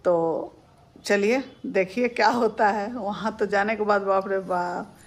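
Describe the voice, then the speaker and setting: A woman, talking to her viewers in a casual vlog and giving earnest advice in a steady, homely way. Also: mid-range voice, unhurried. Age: 50s. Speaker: family vlogger, mother-in-law.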